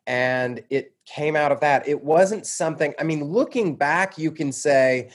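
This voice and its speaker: An American man from suburban Atlanta, Georgia, appears as an interview guest, sharing personal stories in a reflective, self-deprecating, conversational manner. His fairly high voice is unhurried.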